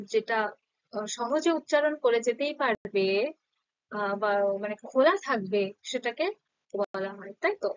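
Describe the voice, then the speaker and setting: A woman teacher explaining a Bengali grammar lesson patiently, slowly sounding out syllables for her students. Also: high voice, clean tone, dry recording, lo-fi sound.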